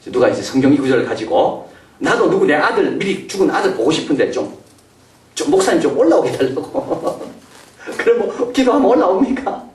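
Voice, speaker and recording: Animated Korean pastor in an echoey sanctuary. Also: male voice, on the high side, brisk. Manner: animated, acts out voices of biblical figures and parents. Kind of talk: sermon. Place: church sanctuary. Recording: roomy echo, mic from a distance.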